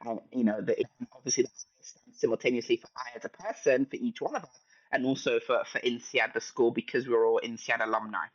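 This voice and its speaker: A woman's voice: extremely low pitch, fairly quick, dry recording. A woman, a company founder and guest, talking earnestly and stressing points by repeating them. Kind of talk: casual interview chat. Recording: slightly dull lo-fi sound.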